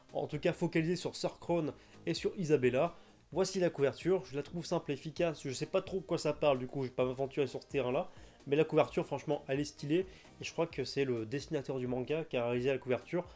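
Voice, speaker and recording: A man's voice: fairly high pitch, quick pace, warm tone, faint music behind. A young man hosting a casual video, chatting enthusiastically with frequent hesitations. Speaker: manga news YouTuber.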